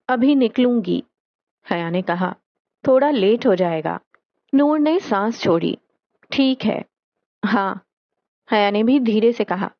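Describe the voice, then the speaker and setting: A woman narrates a novel in slow, measured storytelling, giving the quoted dialogue a calm voice. The sound is dry and close, with no room around it. The tone is a little dull, like a modest home recording. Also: medium pitch, no echo. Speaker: audiobook narrator.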